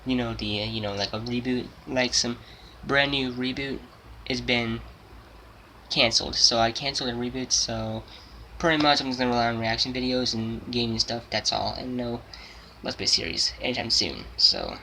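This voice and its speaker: Speaking off the cuff to his gaming channel, a 17-year-old nearly 18 meanders, repeats himself, and keeps restarting. His medium-pitched voice is creaky, bright, and forceful at a moderate pace, and the low-quality recording has slight background noise.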